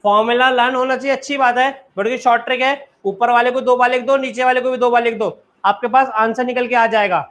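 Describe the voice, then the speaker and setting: Man maths teacher, very high voice, bright tone, live online class, keeps checking students follow. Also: steady tone, brisk, few pauses.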